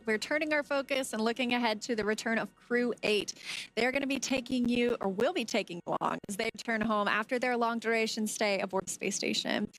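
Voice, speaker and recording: A woman's voice: a little high, fairly bright tone, poor audio. A woman co-hosting a live space webcast with polished announcer delivery. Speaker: space agency broadcast co-host.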